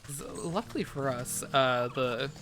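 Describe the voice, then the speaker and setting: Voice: mid-range voice, unhurried, fairly bright tone. A gamer giving casual, rambling let's-play commentary, laughing often and reading game text aloud, with game music behind. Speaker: gamer, channel host.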